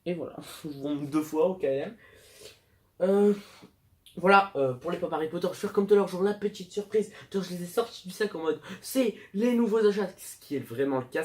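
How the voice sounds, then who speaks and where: A young man chatting casually in a home vlog, rambling through his collectible figures with lots of fillers and self-mocking asides. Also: fairly high pitch. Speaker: YouTuber showing collectible figures.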